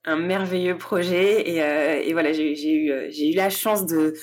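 Woman hosting a podcast, low-pitched. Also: steady tone, moderate pace. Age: 30s. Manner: hesitant, warm thanks with frequent laughs and fillers. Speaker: podcast host. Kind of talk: podcast interview.

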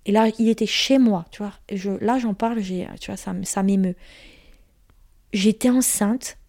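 Speaking at a normal pace in a mid-range, darkish voice, a young woman from Corsica retells a personal story with blunt, crude emphasis, performing other people's lines as quotes. The audio is clean studio sound without any room sound.

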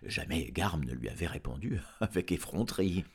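A man narrating a novel aloud as an expressive audiobook reader. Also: very deep voice, moderate pace, slightly rough. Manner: expressive, lively reading. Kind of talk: audiobook storytelling.

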